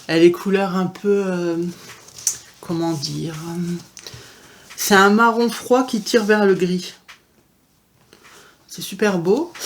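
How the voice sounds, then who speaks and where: A woman's voice: lowish voice, a little hiss or hum. A woman vlogger showing her cross-stitch kits in a casual, chatty way, with frequent fillers and restarts. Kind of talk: casual show-and-tell chat.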